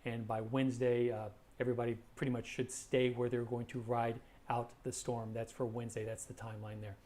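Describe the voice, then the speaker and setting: A man's voice: mid-range voice, flat delivery, a little fast, mellow. A man presenting a live weather briefing as a forecaster, talking conversationally and hesitantly, often repeating words as he explains.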